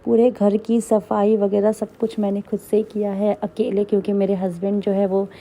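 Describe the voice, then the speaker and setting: A young woman vlogger, slightly hoarse, chatting in a tired, rambling way as she narrates her day. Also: medium pitch, flat delivery, moderate pace, warm tone. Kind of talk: casual voice-over narration.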